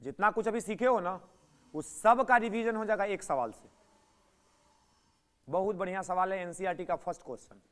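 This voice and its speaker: Male physics teacher, high pitch, classroom lecture, keeps pushing students to answer. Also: moderate pace, pauses often, a bit bright, clear, resonant tone. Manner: prodding students to answer, repeating points.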